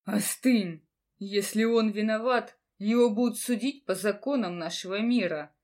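A woman voicing a sorrowful male teacher who speaks quietly, low and slowly. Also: flat delivery.

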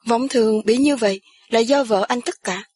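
A woman's voice: fairly high pitch, normal speed, darkish tone, slightly rough, faint music behind. A woman voicing a bitter young woman who speaks sharply and accusingly.

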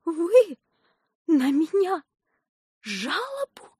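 A woman reading aloud plays a flustered hospital lady who jumps high and shrill when she protests. The voice is bright and raised, and the recording is close and dry. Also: animated, moderate pace, slightly rough, no echo. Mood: shocked. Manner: shrill and astonished. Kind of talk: audiobook reading.

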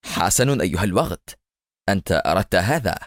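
A man's voice: low-pitched, expressive, brisk, no room sound, clean studio sound. A man voicing a stern, fearless action hero who speaks coldly and mockingly in a storybook reading.

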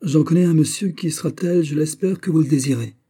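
A man's voice: on the high side, a little fast, dark tone, slightly rough, voice pushed up. A man reading aloud, voicing a hot-tempered, haughty young English duke in an audiobook. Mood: heated. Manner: imperious, angry outbursts.

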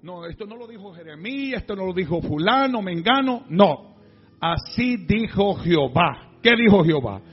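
A man preaching a fervent sermon as pastor, swinging from quiet to shouting. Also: high-pitched, very animated, moderate pace, husky, muffled recording, faint music behind.

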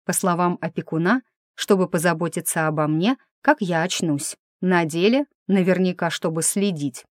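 A woman's voice: lowish voice, darkish tone, no echo, clean studio sound. A woman narrating a first-person audiobook in a wry, ironic manner.

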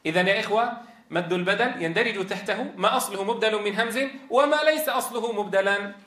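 High, bright-voiced male tajweed teacher. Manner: asks students questions and answers them himself; drags out example words slowly. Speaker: Quran teacher trainer. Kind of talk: tajweed lesson. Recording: echoey room.

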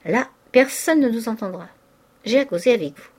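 A sardonic middle-aged man, voiced by a woman reading an audiobook, speaks in a raised, forceful tone with a mocking swagger. He sounds familiar and quietly menacing, a storybook rogue used to getting his way. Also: fairly high pitch, lively intonation, normal speed.

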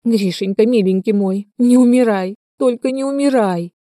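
A woman's voice: mid-range voice, normal speed, warm tone, dry recording, studio quality, lightly acted. A woman voicing a hysterical, doting middle-aged mother who shrieks and wails over her son. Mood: shrill hysterical. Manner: shrieking, wailing.

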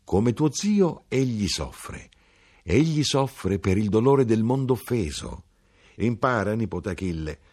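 A man's voice: fairly low pitch, big pitch swings, takes it slowly, darkish tone, pitched above the performer's own voice, heavily acted. A man voicing a small, sorrowful old hermit who writes about the world's pain, speaking solemnly in an audiobook. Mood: solemn lament. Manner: solemn, grieving, preaching. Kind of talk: audiobook reading.

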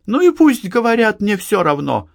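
A man voicing a defiant young peasant woman who answers back with sharp, mocking retorts. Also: mid-range voice, very animated, unhurried, no room sound, clean studio sound, pitched above the performer's own voice. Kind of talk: audiobook reading.

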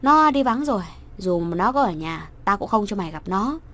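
A woman's voice: mid-range voice, fairly quick, natural voice. A woman voicing a stern, scolding middle-aged mother. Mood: cold. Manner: cold, scolding.

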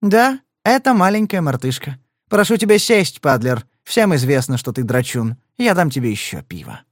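A man's voice: on the high side, very animated, moderate pace, no room sound, clean studio sound. A male reader voicing a furious young gangster's woman who shrieks and mocks. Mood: shrill, scornful. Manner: shrieking, scornful.

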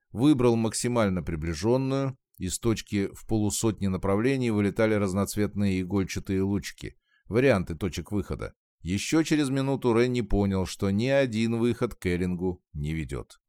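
A man reading a story aloud in scripted, expressive narration. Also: on the low side, dry recording, clean studio sound. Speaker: audiobook narrator.

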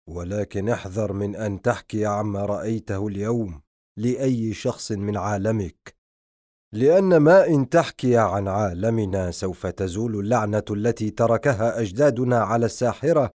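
A man's voice: on the low side, warm tone, dry recording, studio quality, natural voice. A man voicing a solemn guardian lion. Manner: solemn, measured warnings. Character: wise commanding lion, guardian of dream land.

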